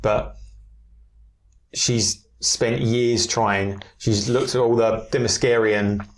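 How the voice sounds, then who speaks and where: A man's voice: on the low side, steady tone, slow pace, roomy sound. A man on a casual podcast, rambling through a story idea and acting out lines from scenes as he goes. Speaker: co-host.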